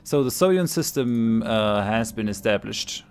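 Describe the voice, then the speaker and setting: With a smooth, fairly low voice, this man sounds animated yet unhurried while narrating a strategy game as a let's play host. He has a cold. His casual gameplay commentary is thought out loud, peppered with ums and restarts, and broken up by ready laughter.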